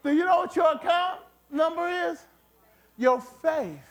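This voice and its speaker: A man preaching a sermon with emphatic repetition, at times rising to shouts. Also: extremely high pitch, unhurried. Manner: emphatic, repeats words, rises to shouts.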